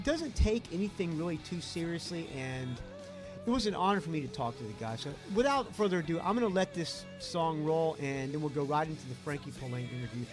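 A man with a Southern US accent hosting a rock podcast, talking in an enthusiastic, rambling way. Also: a little high. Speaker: podcast host. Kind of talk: casual podcast intro and interview. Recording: rock music playing underneath. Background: rock music.

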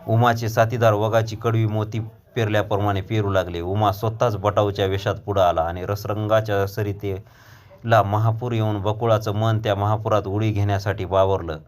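A man reading a short story aloud, taking the verse passages slowly and sometimes stumbling and correcting himself. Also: on the low side, level tone, darkish tone. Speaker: story reader.

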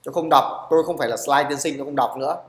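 A man with a fairly high voice rattles through a live classroom coding lesson, the space giving his words a roomy sound. He keeps asking "được chưa?" to make sure the students are with him.

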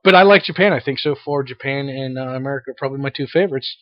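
A man's voice: mid-range voice, racing, no echo, muffled recording. Wry, blunt middle-aged man. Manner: blunt, wry, opinionated remarks with frequent ums. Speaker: father reacting to anime characters. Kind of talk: casual reaction chat.

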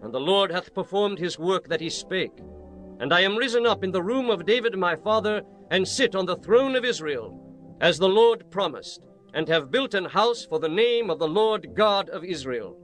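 A reverent biblical king in a scripture drama. His voice sits high for a man, and he declaims solemnly over a musical backdrop. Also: animated, normal speed, a bit bright, soft background music. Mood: proud, reverent. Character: King Solomon, reverent male monarch praying and blessing.

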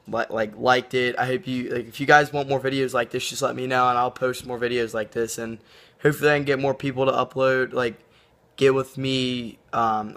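A young man with a bright, forceful voice talks to camera like a casual vlogger. His delivery is informal and a bit halting. The room around him is noticeably echoey, picked up by a camera mic at home. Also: medium pitch. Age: teens to young adult. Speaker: video host. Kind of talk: casual vlog chat.

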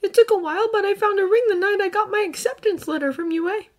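A woman voicing an earnest teenage boy who sees ghosts, speaking softly and haltingly in a fan fiction audiobook reading. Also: very high-pitched, pitched above the performer's own voice. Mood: tender. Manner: soft, halting, emotional.

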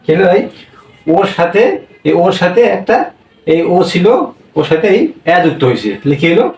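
A man's voice: high-pitched, lively intonation, moderate pace, a little mellow, echoey room, recorded from a distance, poor audio. A man teaching a language class, drilling sounds with repeated questions. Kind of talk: classroom lesson.

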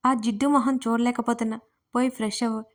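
A playful, teasing young woman friend, voiced by a woman narrator in an audio story. Her voice sits fairly high and carries a giggly, mischievous edge. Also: level tone, quick pace, a little mellow, natural voice.

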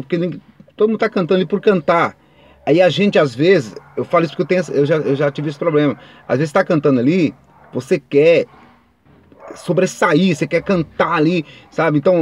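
A man's voice: on the high side, darkish tone, no room sound, highs cut off. A man, giving casual singing tips in a chatty, rambling way, speaking straight to his viewers. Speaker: singing teacher. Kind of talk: casual vocal tips talk.

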